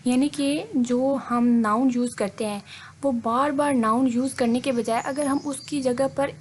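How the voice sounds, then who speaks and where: A woman teacher with a fairly high voice walks through a grammar lesson over slides, patient and methodical, repeating each point. A faint hiss sits under the close voice-over. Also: fairly even intonation, a little slow, a little mellow. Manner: patient, explains step by step, mixes English into Hindi. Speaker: English teacher.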